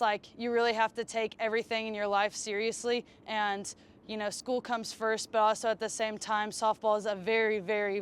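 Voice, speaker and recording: A young woman, a college softball player, answering interview questions casually with many fillers. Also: medium pitch, slight background noise. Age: young adult.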